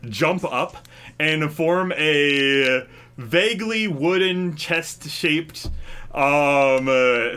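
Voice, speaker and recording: Man, game master, rambling narration, bright voice, a little high. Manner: rambling, full of fillers and laughs.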